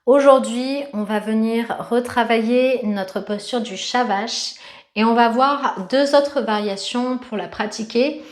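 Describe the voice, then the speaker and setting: Calm woman guiding yoga. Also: a little high, slow. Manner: calm cueing of breath and movement. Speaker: yoga teacher. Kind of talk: guided yoga class.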